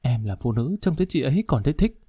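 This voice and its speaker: A man voicing a jealous, hot-tempered wife, a schoolteacher, who is sharp-tongued and quick to flatter. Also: mid-range voice, dry recording, clean studio sound, close to an everyday voice. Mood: fawning. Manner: sharp-tongued, then fawning.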